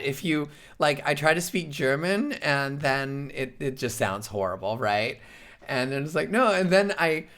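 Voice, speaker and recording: A woman's voice: low-pitched, fairly bright tone. A jet-lagged woman hosting a live stream in casual chat, rambling in a scattered way, swearing and laughing often. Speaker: livestream host.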